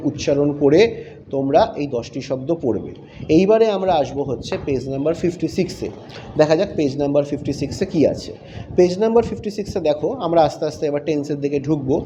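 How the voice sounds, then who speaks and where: A man's voice: on the high side, dark tone. A man teaching an English vocabulary lesson to young students, explaining patiently step by step and asking questions that he then answers himself. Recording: slightly dull, lightly noisy recording.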